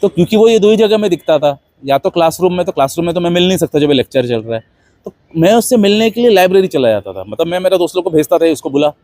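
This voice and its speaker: Host, male; mellow, dark tone, dry close sound, loose anecdotal storytelling. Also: high-pitched, lively intonation, very fast, no room sound. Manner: rambling anecdotal, mixing Hindi with English words. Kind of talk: casual storytelling monologue.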